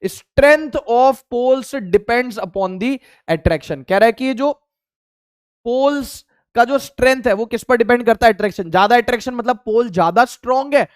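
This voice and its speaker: A man's voice: very high voice, a little slow, clear, resonant tone, no room sound. Man teaching physics in a dry, close recording. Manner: explains by asking questions and answering them himself, mixing English terms; voices a student's replies to himself. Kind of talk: casual Hindi-English classroom lecture.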